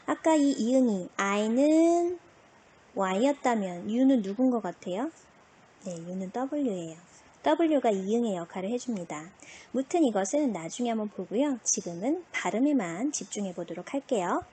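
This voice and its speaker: Lively woman teacher with a husky voice. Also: on the high side, measured pace. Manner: asks and answers her own questions, lively. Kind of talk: online language lesson.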